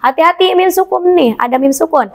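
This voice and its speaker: High-voiced Indonesian woman teaching recitation. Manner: patient and encouraging, drawing out Arabic recitation slowly. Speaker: Quran reading teacher. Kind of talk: children's Quran reading lesson.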